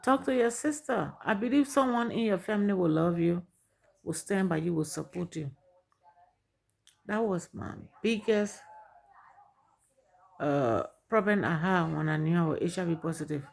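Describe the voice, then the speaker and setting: A woman's voice: lowish voice, normal speed, vocal fry, pauses often, a little mellow. A middle-aged woman with a Liberian accent, sharing her personal story and giving earnest advice, repeating points for emphasis.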